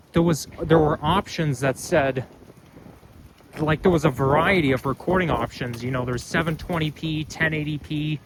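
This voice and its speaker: This young vlogger has a loud, fairly high-pitched voice and chats his way through a casual walking video, rambling and catching his own mistakes. He holds a phone camera as he walks outdoors along a street, with traffic and street sounds picked up.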